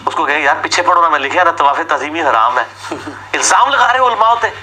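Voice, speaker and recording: A man's voice: a little high, animated, bright, forceful tone, a little hiss or hum, poor audio. A man giving an argumentative religious talk, asking sarcastic rhetorical questions and mimicking his opponents. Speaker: religious lecturer.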